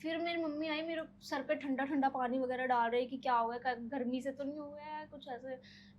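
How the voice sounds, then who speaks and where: A young woman, a podcast guest, telling personal stories in a casual, animated way, often using filler words. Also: sits high, normal speed, dull audio, a little hiss or hum. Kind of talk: casual storytelling.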